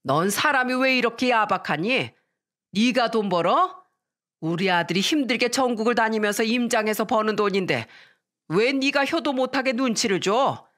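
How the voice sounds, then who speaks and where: A woman's voice: a little high, animated, normal speed, a bit bright. A woman voicing a bossy older mother-in-law who scolds and threatens in a dramatized story reading. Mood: scolding.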